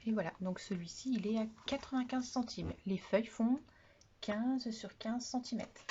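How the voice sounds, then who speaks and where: Soft-spoken woman showing craft supplies. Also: on the high side, moderate pace. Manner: soft-spoken, often trails off quietly; chatty, repeats "voilà" often. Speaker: craft vlogger. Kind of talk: product haul demonstration. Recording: dull lo-fi sound with faint noise.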